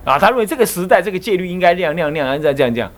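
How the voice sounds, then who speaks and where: A man's voice: high voice, very fast. A man, a Buddhist monk and abbot, giving a dharma lecture, telling anecdotes with emphasis and frequent chuckles. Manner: animated storytelling, emphatic, chuckles often.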